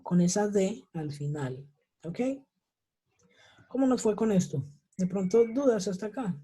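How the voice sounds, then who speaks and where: A man teaches an online English class in an unhurried, deliberate way, often checking that everyone is following him. His voice is husky and mellow. It sits a little low and comes through a video call. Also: expressive. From Colombia. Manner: checks in with "¿sí?" and "¿ok?" constantly, drills example words slowly.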